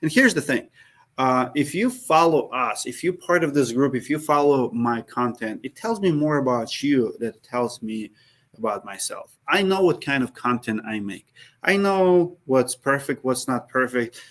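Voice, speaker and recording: Answering questions from viewers during a live stream in Minneapolis, this accented host talks loosely, skipping articles, restarting sentences and leaning on fillers. He has a somewhat bright, mid-range voice with lively intonation at a normal speed.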